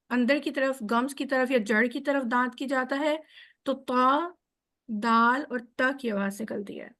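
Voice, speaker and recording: A woman's voice: high-pitched, fairly bright tone. A woman giving an online lesson on Arabic letter sounds, explaining patiently step by step over a video call. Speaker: Quran teacher.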